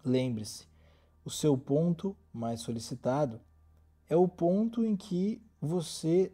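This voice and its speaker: A man with a Brazilian accent guiding a yoga relaxation as an instructor, speaking in a calm, soothing and gently instructive manner. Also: fairly high pitch, slightly rough.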